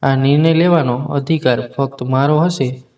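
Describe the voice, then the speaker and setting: A man voicing an angry, defiant young wife in a spoken story, in a sharp tone. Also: medium pitch, fairly even intonation, moderate pace, close to an everyday voice.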